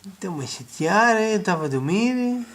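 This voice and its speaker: A woman, gently calling and coaxing a baby at home. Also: medium pitch, animated, fairly quick, slight background noise. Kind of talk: home video, baby talk.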